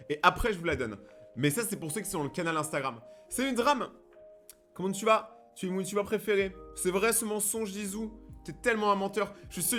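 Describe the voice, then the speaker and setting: A young man chatting casually on a live stream, reading viewers' messages aloud and answering them in a lively, slangy way from his own studio. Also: on the high side. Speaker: streamer and YouTuber.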